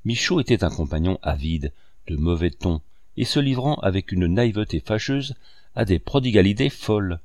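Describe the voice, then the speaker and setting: A man narrating a classic novel as an audiobook reader, in a measured storytelling way. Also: lowish voice, a little mellow, no room sound, studio quality.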